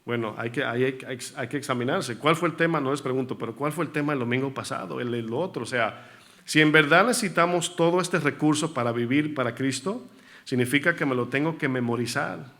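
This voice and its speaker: A man's voice: mid-range voice, fairly quick, fairly bright tone. A male pastor preaching a sermon in church, often asking the congregation questions and repeating key words for emphasis.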